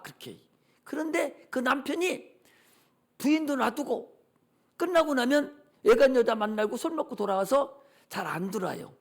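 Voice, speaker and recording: A male pastor delivers a Sunday morning sermon in a high, animated voice with a gravelly texture. He preaches emphatically and keeps asking the congregation rhetorical questions, then answers them himself.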